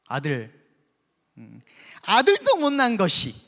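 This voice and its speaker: A man's voice: medium pitch, fairly even intonation, drawn-out words, vocal fry, voice pushed down, exaggerated voice. A male preacher voicing a jealous young second wife who taunts her rival, in a reverberant church hall. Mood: sneering. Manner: mocking, indignant outbursts.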